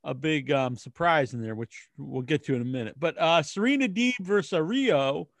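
In casual podcast conversation, an American co-host tells things haltingly and at length, with false starts along the way. He sounds on the high side, expressive and creaky, with no echo.

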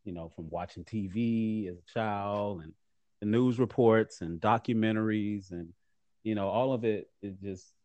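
A man giving measured, earnest interview answers in fairly formal wording as a magazine editor. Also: on the low side, darkish tone, dry recording, muffled recording.

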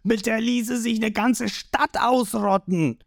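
A man voicing a boastful, hot-tempered male pirate boss who shouts and mocks, in a read-aloud manga story. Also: high-pitched, takes it slowly, gravelly, no echo, clean studio sound, pitched above the performer's own voice, exaggerated voice. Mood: blustering. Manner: blustering, shouting, mocking.

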